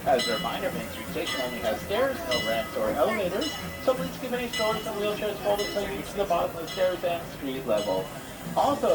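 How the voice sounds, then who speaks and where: A man working as a train conductor, making live safety announcements to passengers aboard a theme park train. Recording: noisy train PA, distant mic, heavy rumble. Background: loud train and ambient noise.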